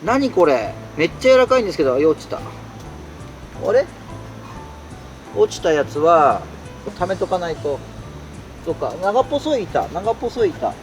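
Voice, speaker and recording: A talkative man streams from inside his tent as rain falls outside. He chats casually and reacts to viewer comments with exclamations. His voice sits high and swings widely in pitch, with faint music underneath. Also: sing-song, measured pace, long pauses. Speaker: solo camping streamer. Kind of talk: casual live-stream chat while camping. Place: inside a tent while it rains.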